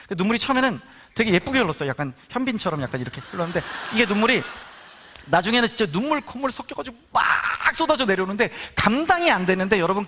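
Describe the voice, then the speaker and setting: A man giving a testimony sermon at a prayer meeting, telling his story in an animated way and acting out what people said. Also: high-pitched. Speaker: guest speaker at prayer meeting.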